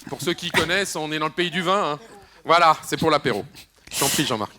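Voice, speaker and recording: A man's voice: fairly high pitch, fairly quick, pushed and bright. A man, an elected official, speaking on a conference round-table panel, hesitant with many fillers and restarts, slipping in jokey asides. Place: conference hall.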